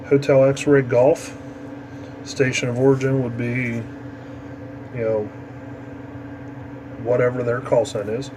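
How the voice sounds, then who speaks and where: This is an informal tutorial from an amateur radio instructor, a man of medium pitch who explains step by step with casual hesitations. A clearly heard, unchanging hum sits underneath throughout.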